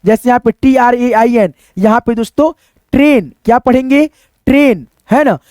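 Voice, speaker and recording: This phonics lesson at a whiteboard comes from a man with a very high, slightly mellow voice, speaking at a moderate pace with no echo. He spells out letters, repeats every word, and questions the class only to supply the answers himself.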